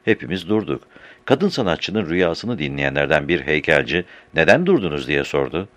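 A man reading a story aloud in an animated, expressive way, changing his voice for each character. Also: extremely low pitch, normal speed, no echo. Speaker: narrator.

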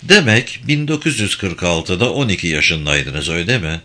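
A man's voice: sits low, animated, normal speed, bright, forceful tone, pitched below the performer's own voice. A man reading the lines of a polite Englishman from London who asks probing questions. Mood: inquiring.

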